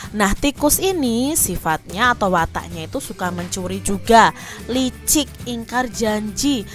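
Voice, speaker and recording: A woman teacher telling a fable to young children and explaining the lesson, often speaking to them directly. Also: mid-range voice. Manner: addresses children warmly as adik-adik. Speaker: primary school teacher.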